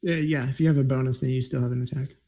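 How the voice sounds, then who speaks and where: Male game master, tabletop game, laid-back and rambling, dark and gravelly tone. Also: medium pitch, very fast. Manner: relaxed, rambling with frequent fillers.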